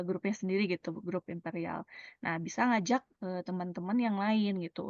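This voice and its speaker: A woman's voice: medium pitch, a little mellow, no room sound. Woman presenter, casual and chatty, muffled dry line. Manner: chatty, many fillers and tag words. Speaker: presenter sharing a sales plan. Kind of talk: casual explanatory talk.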